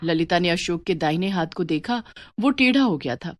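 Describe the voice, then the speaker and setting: A woman's voice: lowish voice, lively intonation, moderate pace, no room sound, studio quality. A woman narrating a scripted story as its storyteller.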